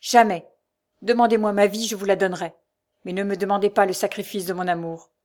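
A woman's voice: mid-range voice, fairly even intonation, brisk, a little mellow, lightly acted. A woman voicing a young male officer in a storybook, firm and earnest as he defies his father. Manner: firm, pleading.

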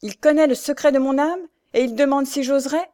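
A woman reading a French novel aloud, voicing a humble young knife-grinder who now stands up defiantly in a loud, firm voice. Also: on the high side, normal speed, close to an everyday voice. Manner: loud, fierce, resolute.

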